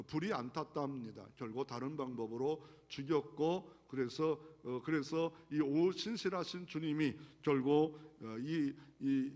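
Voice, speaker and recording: A man pastor delivering an earnest sermon, asking the congregation rhetorical questions. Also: fairly high pitch. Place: large church sanctuary. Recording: long church hall reverb.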